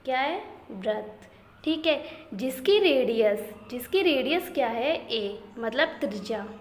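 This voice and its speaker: A woman with a high voice teaches a blackboard math lesson in a mix of Hindi and English, speaking slowly but with animation. She goes step by step, repeating questions and checking in with "theek hai." The room is echoey, with faint ambient noise.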